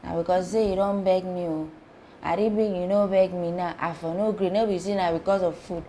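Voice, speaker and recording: A woman's voice: on the low side, steady tone, fairly quick, warm tone, a little hiss or hum, natural voice. An actress playing a sassy young woman who works in a shop, teasing in Nigerian Pidgin. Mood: coy. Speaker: shop worker. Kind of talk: Nollywood film acting.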